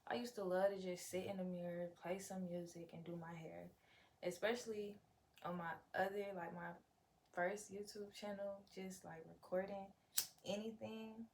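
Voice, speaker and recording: A woman's voice: medium pitch, fairly even intonation, moderate pace, low-quality recording. A young woman chatting casually to viewers as a vlogger, in an unfiltered, rambling, slangy way with plenty of swearing. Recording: clear background noise, room ambience.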